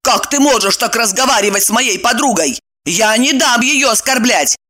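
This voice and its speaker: A woman's voice: on the high side, expressive, normal speed, bright, forceful tone, voice pushed up. A woman voicing a fiery, clever young woman who speaks in an indignant, demanding way in an audiobook. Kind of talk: audiobook character voice.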